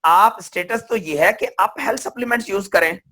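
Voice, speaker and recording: A man's voice: high-pitched, fairly quick, pushed and bright. Man giving a rhetorical seminar talk. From Pakistan. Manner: rhetorical, repeats questions and answers them himself. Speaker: seminar speaker.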